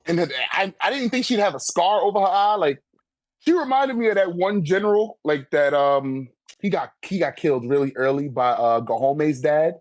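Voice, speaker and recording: This American man's voice is a little high and moves at a moderate pace, captured in a dry recording. Chatting loosely during a fan debate, he's slangy and profane, peppering his talk with "like" and "you know what I'm saying."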